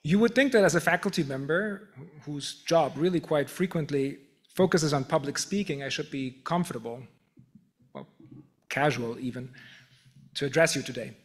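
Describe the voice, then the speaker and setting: A man with a German accent reads a prepared acceptance speech at a measured pace, dry and self-deprecating. His voice sits a little high for a man, and he sometimes restarts a phrase. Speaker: professor giving an acceptance speech. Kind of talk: formal prepared speech with humor.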